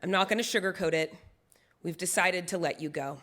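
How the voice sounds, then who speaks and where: A woman playing a brisk, efficient female line producer who talks bluntly and quickly. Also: fairly low pitch, a bit bright, pitched below the performer's own voice, close to an everyday voice. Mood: curt.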